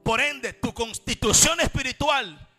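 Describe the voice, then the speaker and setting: A man preaching a sermon to a congregation in a church, with a repetitive, impassioned cadence that swings between shouts and quiet passages. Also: very high-pitched, measured pace, soft background music.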